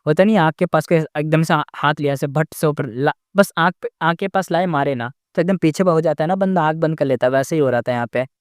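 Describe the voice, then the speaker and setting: Chatty guy retelling a story, talks right at you, high clear voice, dry close mic. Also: fairly quick, hardly any pauses, no echo. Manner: chatty, talks straight to listeners. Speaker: storyteller explaining a novel.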